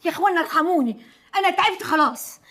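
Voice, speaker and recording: A woman's voice: very high voice, expressive, rapid-fire, sharp tone, full character voice. An actress with an Egyptian accent playing a weary woman pleading with her quarrelling staff in a comedy TV series. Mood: exasperated. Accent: Egyptian Arabic. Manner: pleading, exasperated. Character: weary woman trying to keep the peace.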